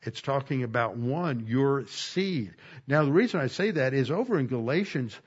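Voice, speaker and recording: A man's voice: mid-range voice, lively intonation, husky. Emphatic male Bible teacher, dull recording. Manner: emphatic, slows down to stress key words. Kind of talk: expository Bible lesson.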